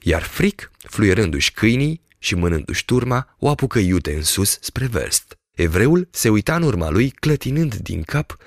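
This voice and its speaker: A man narrating a classic novel as an audiobook, in a measured storytelling manner. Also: lowish voice, big pitch swings, no room sound, studio quality. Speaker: audiobook reader.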